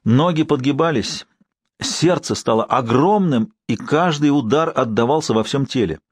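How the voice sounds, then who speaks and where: A man narrating a fantasy audiobook in a steady, expressive reading. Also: medium pitch, moderate pace, husky, dry recording, clean studio sound. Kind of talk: scripted narration.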